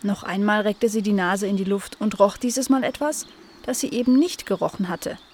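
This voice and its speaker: A woman narrating a children's story in a calm, gentle way. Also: medium pitch, moderate pace, slight background noise.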